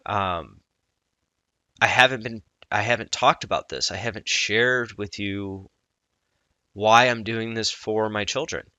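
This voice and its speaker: A man speaking as a coach in a personal vlog, earnest and reflective, often halting mid-thought. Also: fairly low pitch, fairly even intonation, sharp tone, smooth, no room sound.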